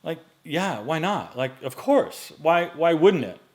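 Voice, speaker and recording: A man's voice: a little high, takes it slowly. Chatty man in his late forties. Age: 40s. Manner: relaxed, chatty, with many fillers and restarts. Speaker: men's style YouTuber. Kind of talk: casual Q&A vlog. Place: indoor home studio. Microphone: microphone in front of him.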